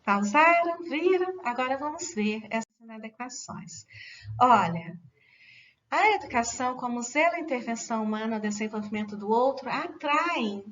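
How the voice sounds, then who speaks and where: A woman's voice: a little high, lively intonation, normal speed, fairly bright tone, dull audio. A woman with a Brazilian Portuguese accent teaching an online writing lesson, explaining patiently, repeating and rephrasing points and speaking straight to her students.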